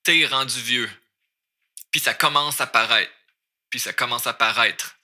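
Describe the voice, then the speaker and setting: A man's voice: medium pitch, pushed and bright. A man with a Québécois accent teaching French, explaining lyrics line by line and switching between French and English. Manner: mixes French and English, repeats words slowly.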